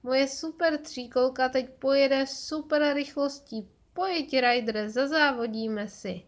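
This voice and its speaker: Woman reading as an eager little boy, high voice, exclaiming, children's audiobook. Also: lightly acted. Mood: excited. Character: excitable young boy on a tricycle.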